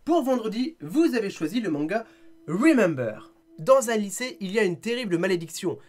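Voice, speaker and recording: A man chatting casually in a video review, lively with quick asides, sounding tired. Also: high voice, soft background music. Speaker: manga vlogger.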